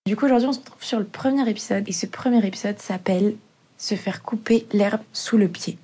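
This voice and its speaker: A woman in her twenties with a slightly husky voice, rambling casually and slangily as a solo podcast host, recorded on a phone dictaphone in a bedroom. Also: medium pitch, fairly quick, warm tone. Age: 20s. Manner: informal, rambling, slangy with English words mixed in. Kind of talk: casual solo podcast monologue, chatty storytelling. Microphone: phone dictaphone resting on laundry basket on a bed.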